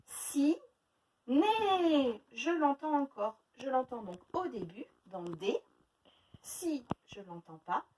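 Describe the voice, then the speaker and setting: A French woman teacher with a high, very lively voice leads young children through a phonics lesson. She speaks slowly, stretching each word into exaggerated syllables. She is far from the mic, with faint noise behind her.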